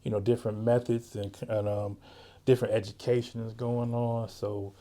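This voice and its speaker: A man hosting a podcast interview, talking in a relaxed, easygoing way and often saying "man" and "you know". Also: lowish voice, normal speed. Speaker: podcast host; works with juvenile youth. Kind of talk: casual interview chat.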